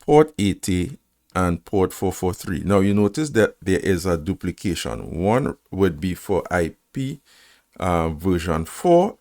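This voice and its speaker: A man presenting a screen-recorded coding tutorial, talking through each command step by step, spelling them out and checking in with "right?" as he goes. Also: fairly low pitch. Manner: frequent "right?" checks and small self-corrections.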